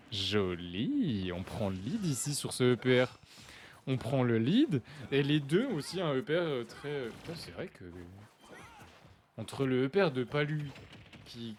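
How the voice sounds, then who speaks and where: A young man from France casually commentating a live fighting-game match, chatty and joking with his chat, with sudden bursts of excitement. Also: medium pitch, slight background noise. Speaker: esports commentator and stream host.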